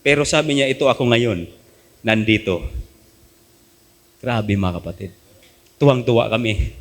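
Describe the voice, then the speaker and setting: A man preaching a sermon in a church, telling a testimony with lively swings from hushed lows to high exclamations. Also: unhurried. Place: church hall. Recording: long echoey church hall reverb.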